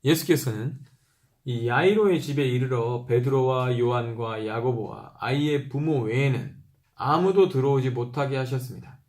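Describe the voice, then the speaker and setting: A man with a medium-pitched voice slowly reads Bible passages aloud, repeating key verses. He pauses now and then to add relaxed, conversational commentary, and his voice rises whenever he reads quoted speech.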